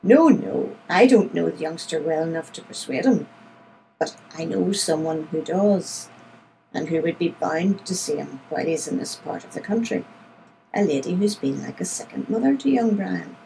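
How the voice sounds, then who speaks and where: A woman's voice: lowish voice, lively intonation, moderate pace, gravelly, dark tone, slight background noise, rough recording. A woman voicing a canny, polite country poacher, a grown man who speaks deferentially and persuasively.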